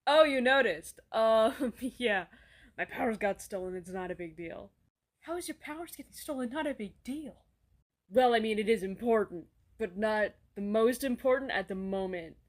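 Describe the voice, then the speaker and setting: A woman acting out comedy sketches, swearing casually and bantering in a deadpan way. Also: fairly high pitch, normal speed. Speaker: sketch comedy creator playing all roles.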